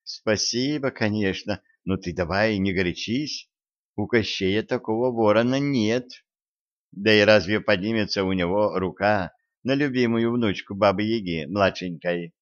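A man voicing a bossy young woman, a witch's granddaughter, in a storybook reading with brisk, commanding talk over dull lo-fi audio. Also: fairly low pitch, no echo, close to an everyday voice.

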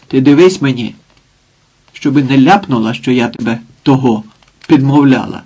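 A man's voice: mid-range voice, normal speed, darkish tone, breathy edge, natural voice. A man doing a coarse, nagging drunken mother. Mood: scolding, coarse. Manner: crude, nagging, threatening. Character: coarse drunken village mother, bossy and scolding.

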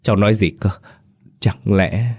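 A man's voice: lowish voice, steady tone, measured pace, darkish tone, breathy edge, dry recording, studio quality. A man voicing an elderly grieving father who speaks in a weary, sighing, pleading way. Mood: sorrowful.

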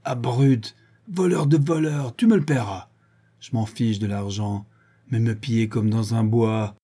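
Give me a dark, husky-voiced boastful male villain, as an audiobook narrator puts him on, ranting in exalted tones. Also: on the low side, monotone, a little slow. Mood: furious. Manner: ranting, exalted, shouting insults. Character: brutal drunken male villain, grandiose and boastful.

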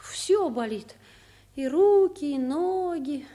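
An actress playing a weak-willed, sheepish schoolboy truant in a children's drama, hesitant and plaintive. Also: female voice, high-pitched, animated, takes it slowly, mellow. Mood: plaintive, evasive. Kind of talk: children's radio drama acting.

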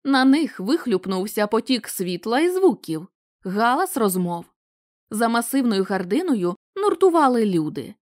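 Woman reading an audiobook story, super expressive, dry close sound. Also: fairly high pitch, a little slow, dry recording. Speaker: audiobook reader. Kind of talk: scripted story narration.

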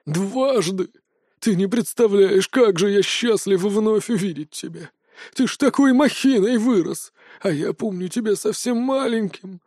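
A man's voice: high voice, measured pace, a little mellow, no echo, clean studio sound, pitched above the performer's own voice. A man doing a tearful tiny old soldier grandad. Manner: gruff then tearful, rambling. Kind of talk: audiobook character voice.

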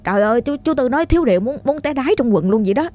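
A woman with a Southern Vietnamese accent, narrating a ghost story in an animated, exclamatory way. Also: sits high, rapid-fire.

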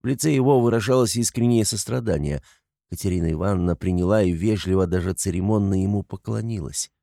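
A man narrating a classic novel in a measured, even manner. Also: low-pitched, gravelly, no room sound, clean studio sound. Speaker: audiobook narrator. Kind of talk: scripted literary narration.

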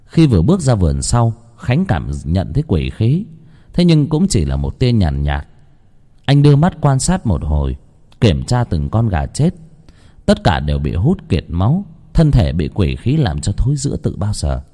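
A man narrating a horror story in an expressive, dramatic reading. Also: lowish voice, normal speed.

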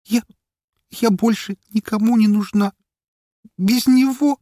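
A man voicing a shrill, terrified young woman. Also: steady tone, a little fast, a little hiss or hum, natural voice. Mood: tearful despair. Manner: shrill, trembling, on the edge of tears. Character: terrified distraught young woman student on a ledge.

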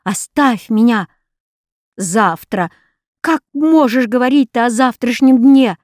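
A woman's voice: on the high side, takes it slowly, darkish tone, no echo, studio quality, voice pushed up. A woman voicing an anguished defiant boy. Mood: stubborn. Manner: pleading bitter outbursts.

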